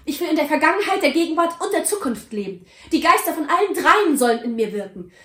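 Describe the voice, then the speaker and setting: A woman voicing a frightened old miser who pleads in despair, his voice rising high. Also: sing-song, normal speed. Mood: desperate pleading. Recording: roomy echo.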